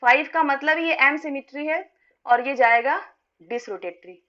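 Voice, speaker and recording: A high, bright-voiced woman teaching chemistry. She explains step by step, counts electrons aloud and answers students as she goes. The audio is dull and lo-fi. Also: moderate pace. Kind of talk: live online class. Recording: dull lo-fi online lesson audio.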